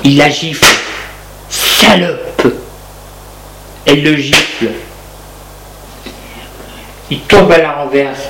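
Male narrator, slow halting delivery, fairly high voice, echoey room, music underneath. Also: fairly even intonation, background noise. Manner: measured, halting phrasing. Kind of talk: slow dramatic storytelling.

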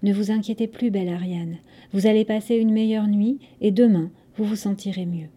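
A woman's voice: a little high, fairly even intonation, fairly quick, mellow, close to an everyday voice. A woman voicing a devoted young male hero in a told story, speaking urgently. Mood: tender. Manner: pleading, urgent.

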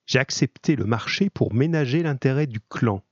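A man's voice: medium pitch, expressive, moderate pace, dry recording, muffled recording, pitched above the performer's own voice, natural voice. A man voicing a streetwise young male convict who boasts in a matter-of-fact way. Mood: boastful.

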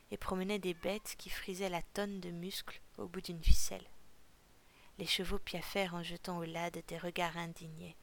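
A woman reading a novel aloud for a podcast in a calm, steady storytelling voice. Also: on the low side, a little hiss or hum. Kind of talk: audiobook reading.

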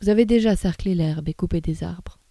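A woman's voice: lowish voice, fairly quick, warm tone, no echo, studio quality. A woman reading as a coaxing grown man. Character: grown man recruiting children to fight.

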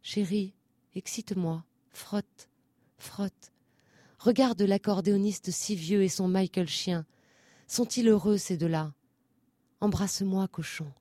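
A woman voicing a lusty male dancer in a storybook reading, in a hushed, low and breathy murmur. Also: measured pace, no echo, studio quality, close to an everyday voice. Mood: hushed lustful.

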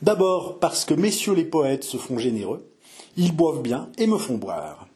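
Man reading chatty young inn servant, raised pitch, happy. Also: big pitch swings, measured pace, mellow. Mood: cheerful. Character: young innkeeper's servant Lubin, cheerful and simple.

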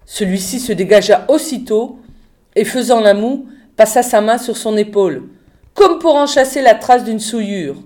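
A woman reading a novel aloud in a steady, measured way. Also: on the high side. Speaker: reader of a novel.

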